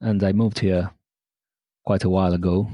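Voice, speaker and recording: A soft-spoken musician from Argentina, a man with a low, mellow voice. He answers interview questions with frequent pauses. The recording is dry and close. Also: flat delivery, dry recording. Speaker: musician guest. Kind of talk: casual interview.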